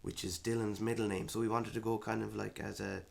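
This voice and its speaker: Gravelly young drummer, low voice. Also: male voice, flat delivery, a little fast. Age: 20s. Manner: joking, loose and chatty. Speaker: band drummer. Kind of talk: casual documentary interview.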